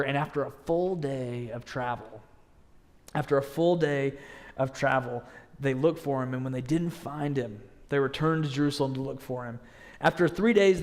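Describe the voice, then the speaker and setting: A man giving a sermon as a guest preacher, conversational and joking. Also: fairly high pitch. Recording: long reverb in a church sanctuary.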